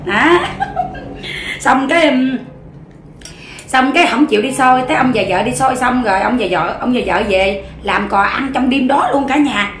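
A woman's voice: high voice, a little slow, fairly bright tone, roomy sound, a little hiss or hum. A woman with a Southern Vietnamese accent, a mukbang vlogger, telling a folk joke to her viewers in a chatty, giggly way with many fillers.

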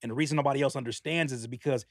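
A man's voice: medium pitch, steady tone, racing, no echo, clean studio sound. A man, a rapper and producer guesting on a podcast, earnestly and animatedly explaining his album pre-order bundle. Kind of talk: casual podcast chat.

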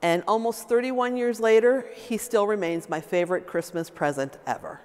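A woman's voice: medium pitch, moderate pace, a little mellow. A middle-aged woman, a financial officer, giving a fond, sentimental holiday greeting in a large indoor hall on a lapel mic. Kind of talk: casual holiday greeting to camera. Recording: reverberant hall.

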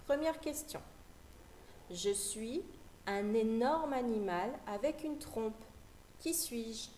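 A woman teaching a phonics lesson to young children, repeating each word slowly and articulating carefully. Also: on the high side, animated, a little mellow, slight background noise. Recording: echoey room with faint ambience.

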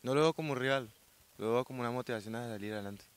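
A sixteen-year-old young man from Colombia, a weightlifter answering interview questions outdoors into a handheld mic, soft-spoken and modest. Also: medium pitch, racing. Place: outdoors by a sports ground. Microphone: handheld reporter mic.

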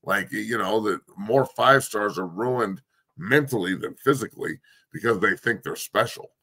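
Blunt, hoarse-voiced football talk host. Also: male voice, lowish voice, expressive, normal speed, pushed and bright. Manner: blunt, profane, coach-like. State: losing his voice. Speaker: sports talk show host. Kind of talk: casual sports talk, football breakdown.

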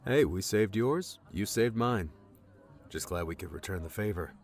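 A man's voice: on the low side, animated, moderate pace. A man voicing a stern, determined young man with a clipped manner in an audiobook. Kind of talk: audiobook character voice.

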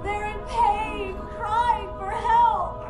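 Very high, pleading plant villainess. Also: female voice, fairly even intonation, drawn-out words, exaggerated voice. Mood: anguished pleading. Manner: pleading, wailing. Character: distraught plant-loving female villain, pleading and motherly. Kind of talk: video game voice acting. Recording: echoing game audio, loud music.

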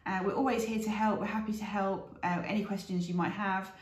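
A woman's voice: medium pitch, steady tone, fairly quick. Chatty British woman in an echoey room. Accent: British English. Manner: chatty and rambling, with fillers and asides. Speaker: reseller vlogger. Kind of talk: casual chat to camera.

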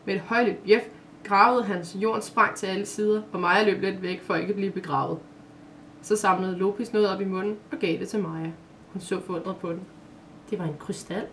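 A woman's voice: medium pitch, fairly even intonation, fairly bright tone, far from the mic. An author reading her own story aloud, plainly and steadily, now and then catching a slip and correcting herself. She sits a little away from the mic, with faint hiss in the background. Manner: plain reading with small slips and self-corrections.

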